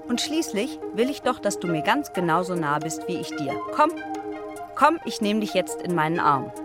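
A woman's voice: on the low side, sing-song, moderate pace, over music. An actress playing a tender woman who coaxes someone into an embrace, earnest and coaxing. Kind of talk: stage monologue.

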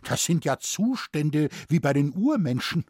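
A man's voice: a little high, big pitch swings, a little slow, darkish tone, slightly rough, no room sound, clean studio sound, pitched above the performer's own voice, heavily acted. A man voicing a naive, easily frightened city schoolmaster who speaks properly and stammers when shocked. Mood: anxious. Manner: fussy, stammering, proper speech.

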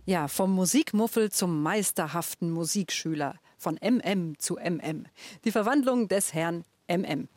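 A woman's voice: lowish voice, unhurried, darkish tone, a little hiss or hum. A woman hosting a children's program, talking casually to the young listeners and asking them questions.

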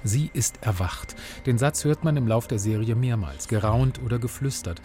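A man's voice: medium pitch, moderate pace. A man with a standard German accent narrating a scripted radio review as a reporter. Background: faint music.

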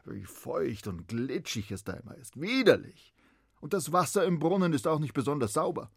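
A man's voice: fairly high pitch, big pitch swings, normal speed, vocal fry, husky, dry recording, studio quality, heavily acted. A man playing a fussy fatherly king who scolds his daughter in a children's radio play. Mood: scolding. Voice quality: huffy, scolding. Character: fussy fatherly king, grumbling about dirt.

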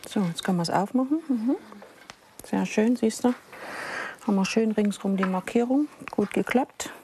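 A woman instructor teaching a class in a brisk, encouraging manner. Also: mid-range voice, background noise. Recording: distant mic in a workshop.

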